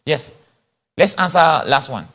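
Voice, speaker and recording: A man preaching at a conference, answering questions and telling stories in an animated way. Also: a little high, a little slow, breathy edge. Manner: animated, storytelling, laughs often. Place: church conference hall. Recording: large echoey hall.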